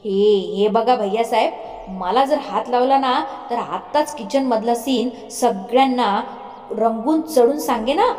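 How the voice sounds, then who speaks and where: A woman voicing a brash, teasing young man who talks loudly and whines cheekily. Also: on the high side, unhurried, natural voice. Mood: cheeky teasing. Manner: loud, cheeky, whiny. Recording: roomy reverb, faint music.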